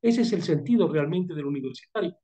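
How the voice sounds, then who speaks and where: An older man with a Mexican Spanish accent leads a university seminar, his voice sitting a little high for a man. He talks in a reflective, wandering way, restarting phrases as he builds his point. A cold keeps catching in his throat with coughs. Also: expressive, dark tone. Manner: thoughtful, digressive, pausing and restarting phrases. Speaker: seminar leader.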